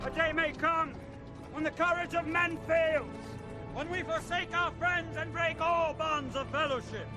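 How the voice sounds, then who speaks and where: An actor playing a noble warrior king, booming and commanding as he gives a rousing battlefield speech in a fantasy film. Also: fairly even intonation, unhurried. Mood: solemn defiance. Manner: booming, commanding, regal, declamatory. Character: noble warrior king rallying his army before battle. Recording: film clip under loud orchestral music.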